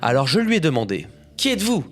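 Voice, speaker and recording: A man playing young Aladdin, telling his own adventure in expressive, suspenseful storybook narration. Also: on the high side, fast. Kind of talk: dramatic scripted first-person storybook narration. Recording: music bed behind narration.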